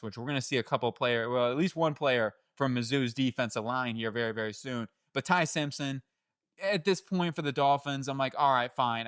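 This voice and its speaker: A man hosting his own channel, talking through football draft picks in a chatty, animated way that jumps up in pitch when he gets excited and often corrects himself. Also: smooth, dry recording, studio quality. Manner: chatty, self-correcting, laughs at own slips. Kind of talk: solo sports analysis talk.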